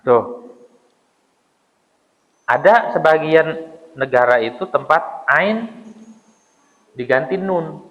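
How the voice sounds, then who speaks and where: A man teaching a casual, joking study lesson, acting out mispronunciations. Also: a little high. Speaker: religious teacher. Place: mosque. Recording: dull sound with long hall reverb.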